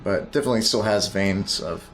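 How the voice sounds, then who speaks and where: A man's voice: on the low side, a little fast, a bit bright, slight background noise. A man from Florida, a band member on a radio interview, talking in a laid-back way full of "like". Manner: laid-back, many "like" and "yeah" fillers. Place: radio studio.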